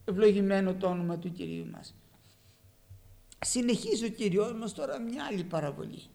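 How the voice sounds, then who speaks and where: Impassioned gravelly male preacher. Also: high-pitched, very animated. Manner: impassioned, swings between loud emphasis and quiet asides. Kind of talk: sermon.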